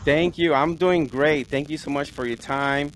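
A man's voice: on the high side, normal speed, a bit bright. A middle-aged man hosting a podcast, introducing his guest in a loose, repetitive way. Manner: rambling, repeats himself. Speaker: podcast host. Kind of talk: casual interview.

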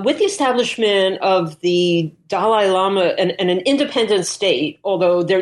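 Thinking aloud as she goes, an interviewed scholar, a woman with a fairly low-pitched voice, explains her field spontaneously and frequently corrects herself.

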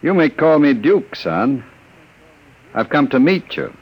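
An actor playing a suave, menacing gangster with a sardonic, commanding manner in an old radio drama. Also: male voice, medium pitch, sing-song, measured pace, husky. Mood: sly, coaxing. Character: smooth-talking, menacing male gangster on the run. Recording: dull, muffled vintage radio recording.

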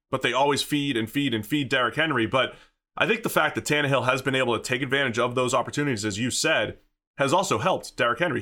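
A man's voice: medium pitch, pushed and bright. A man hosting a sports podcast, speaking in emphatic, punchy statements. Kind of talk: sports analysis and sponsor read.

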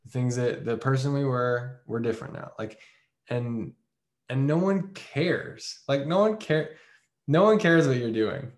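A man hosting a podcast in casual interview chat, musing in a relaxed way and swearing casually. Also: medium pitch, unhurried. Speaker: podcast host. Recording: roomy echoey sound.

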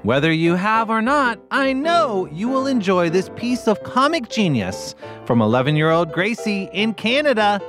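A man hosts a podcast, reading a scripted introduction. His pitch is very lively and varied, and music plays behind him. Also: normal speed. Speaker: podcast host.

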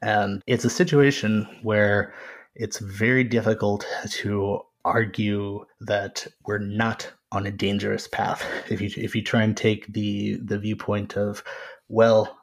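A man's voice: lowish voice, little pitch movement, slow pace. A man as an interview guest, speaking thoughtfully and restarting phrases as he works out his ideas. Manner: thoughtful, restarts while thinking aloud. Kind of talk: casual interview talk.

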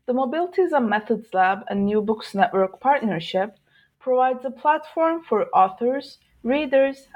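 Woman interviewer, mid-pitched, formal measured host reads. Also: a little mellow. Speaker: podcast interviewer. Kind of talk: scripted introduction and interview questions.

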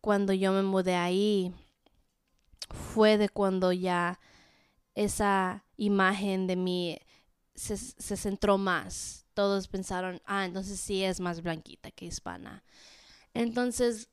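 A woman in her twenties talking about her own life in a casual podcast monologue, pausing often to search for words and slipping in English fillers. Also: medium pitch, fairly even intonation, smooth, no room sound, studio quality. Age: 20s. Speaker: podcast host.

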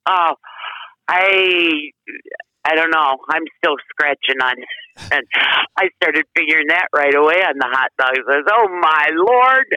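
Lady promoter phoning in, very bright tinny speakerphone sound, chatty, laughs a lot. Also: sits low, expressive, a little slow, dry recording. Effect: heard over a speakerphone call. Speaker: race track promoter calling in. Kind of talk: phone-in interview.

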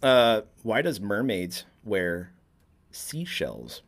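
A man on a podcast in a small shed studio, telling dad jokes in an animated way with chuckles and quick asides. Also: on the low side, creaky. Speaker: podcast guest. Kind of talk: casual joke-swapping chat.

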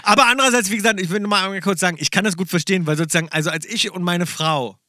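Fast-talking bright-voiced man. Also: high-pitched, no room sound, studio quality. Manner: quick, jokey, chimes in with advice. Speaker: podcast co-host. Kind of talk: casual chat.

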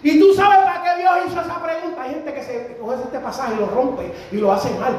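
A man preaches with fervor in a very high voice, pushing up into shouts on his key lines. The sound rings through a very echoey church hall. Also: fairly quick. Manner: fervent, rising to shouts on key phrases. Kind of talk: sermon. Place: church sanctuary.

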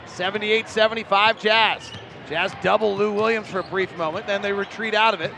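A man doing live play-by-play for a basketball broadcast, rattling off short clipped calls and rising to shouts on big plays. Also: high-pitched, fairly even intonation, brisk, vocal fry, a little hiss or hum. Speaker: play-by-play commentator.

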